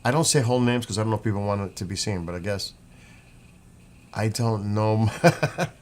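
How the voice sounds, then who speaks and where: Low-voiced New York man livestreaming. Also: fairly quick. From New York state, United States. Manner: rambling, chatty, breaks off to read names and comments. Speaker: livestream host. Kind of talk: casual livestream chat, greeting commenters. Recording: clear background noise, room ambience.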